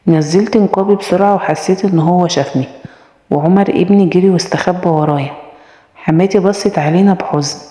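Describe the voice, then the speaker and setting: A woman's voice: fairly low pitch, a little fast, dark tone. A woman with an Egyptian Arabic accent narrating a first-person story, reading every character in her own voice. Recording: echoey room with long reverb.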